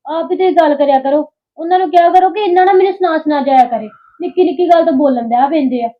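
A woman's voice: high-pitched, fast talker, natural voice. A young woman, playing a spoiled, sulky younger sister-in-law who complains a lot. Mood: complaining. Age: early 20s. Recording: dull lo-fi sound.

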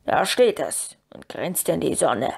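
A grieving male dwarf warrior speaks in a gruff, lowered storybook voice, put on by a woman narrating an audiobook. His words come slow and weighty. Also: sing-song, heavily acted. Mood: mournful. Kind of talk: audiobook character reading.

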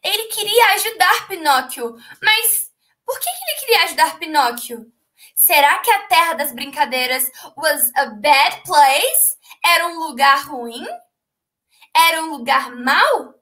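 A woman's voice: sits high, pushed and bright. A woman teacher telling a children's story in a bilingual lesson, switching between two languages and gasping dramatically. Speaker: English teacher.

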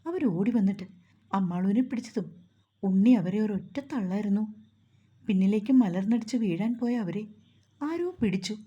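A woman narrates a dramatic family story in a steady, deliberate manner. Her voice is husky and deeply mellow. The recording sounds somewhat dull and muffled.

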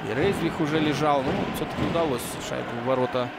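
A man commentating live on ice hockey, with excited goal calls. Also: a little high, fast talker, vocal fry. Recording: very noisy arena, loud background ambience.

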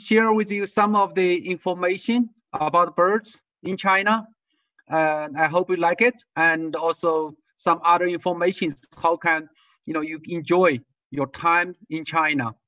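A Tibetan man gives an online lecture as a guest speaker on birding tours, hesitant and full of fillers and restarts. His high voice is unhurried with fairly even intonation, and the tinny video-call audio is dry, recorded from a distance.

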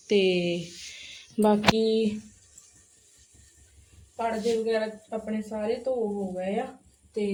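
A woman's voice: on the high side, warm tone. A woman with a Punjabi accent chatting casually and colloquially, as in a homemaking vlog. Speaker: home vlogger and mother. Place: echoey room at home. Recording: echoey room with faint noise.

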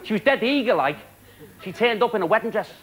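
Male Scouse comic in his 30s, high animated voice, loud audience laughter all around. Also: over a noisy crowd, very noisy. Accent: Liverpool (Scouse). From Liverpool, England. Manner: quick, cheeky patter with punchlines. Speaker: stand-up comedian. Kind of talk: stand-up routine.

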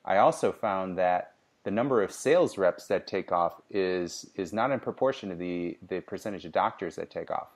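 A man's voice: deep voice, animated, moderate pace, hardly any pauses. A man co-hosting a casual sales podcast, giving upbeat coaching advice with frequent restarts. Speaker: podcast co-host.

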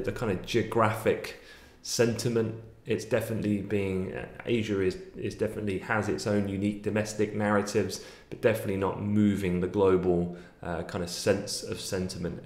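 A man's voice: sits low, echoey room. A man, giving fluent, analytical daily market commentary with frequent fillers from a small home office, recorded on a webcam at his desk.

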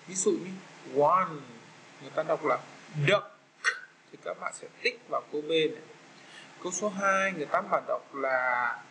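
Male teacher with a Vietnamese accent, slightly high and bright voice, slow and patient, faint hiss behind. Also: poor audio. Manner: patient, repeats English words slowly for kids. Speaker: English teacher for young children. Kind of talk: slow walkthrough of a children's English exam.

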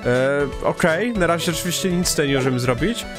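A hoarse man chatting casually through a let's play, full of fillers and asides. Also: fairly high pitch, expressive, a little fast. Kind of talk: casual game commentary. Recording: game music under the voice.

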